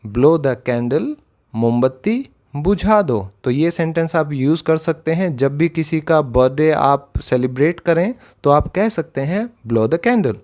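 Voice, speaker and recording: A man teaching English verb forms, explaining each word in a slow lesson and repeating example sentences twice. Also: a little high, expressive, darkish tone. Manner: addresses viewers as children.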